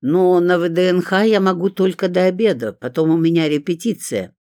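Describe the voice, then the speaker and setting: Чтица озвучивает дружелюбного мужчину-пианиста в аудиокниге; он охотно предлагает помощь, говорит оживлённо и с готовностью. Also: male voice, high-pitched, normal speed, darkish tone, no room sound, studio quality, pitched above the performer's own voice, close to an everyday voice. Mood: eager. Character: friendly male pianist friend, businesslike.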